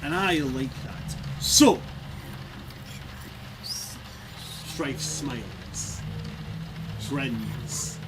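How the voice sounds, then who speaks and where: A man's voice: mid-range voice, expressive, drawn-out words, pauses often, over loud music, rough recording. A Scottish man casually narrating and chatting as the game master of a tabletop game. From Scotland.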